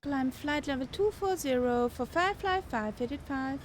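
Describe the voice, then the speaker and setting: A woman's voice: sits high, animated, normal speed. A woman flight-sim streamer, switching between casual chat and pilot readbacks. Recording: clear vehicle noise behind voice.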